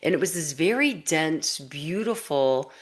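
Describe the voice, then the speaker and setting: A woman researcher and author giving a casual spoken account of a personal experience, rambling and animated, with many fillers and restarts. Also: low-pitched, unhurried, slightly rough.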